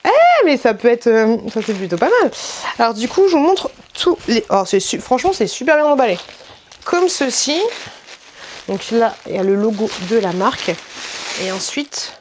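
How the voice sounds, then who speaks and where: A woman's voice: a little high, very animated, normal speed, a little hiss or hum. A woman hosting a casual try-on vlog, chatting in a rambling way with lots of fillers and restarts, and sometimes talking to her child off camera. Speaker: vlogger showing a try-on haul.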